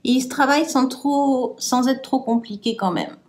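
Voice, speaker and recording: A woman's voice: high voice, normal speed, a little mellow. A French woman chatting casually through a makeup tutorial, hesitant and trailing off with fillers as she works. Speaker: beauty vlogger.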